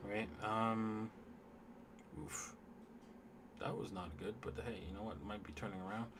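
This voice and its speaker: A man's voice: on the low side, steady tone, unhurried, noisy background. A man hosting a casual livestream, talking loosely and in a rambling way straight to his viewers as he looks over charts. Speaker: livestream host.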